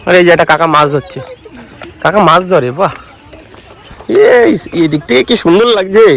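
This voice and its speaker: A young man from West Bengal, India, vlogs on a handheld phone at a lakeside park by a street, chatty and playful and calling his viewers "brother." His voice is on the high side, animated, fairly bright, and at normal speed.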